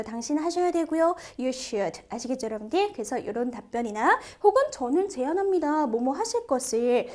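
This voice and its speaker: A woman with a bright, high voice teaches a test-prep listening lesson. She speaks in a lively, animated way and keeps turning to her students with questions. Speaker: TOEIC listening instructor. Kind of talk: video lecture.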